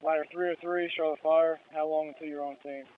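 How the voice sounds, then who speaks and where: A man making clipped, procedural firefighter radio calls, heard through a low-quality two-way radio transmission. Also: level tone, fairly quick, smooth, dry recording. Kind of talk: radio dispatch call. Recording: tinny radio line with faint static.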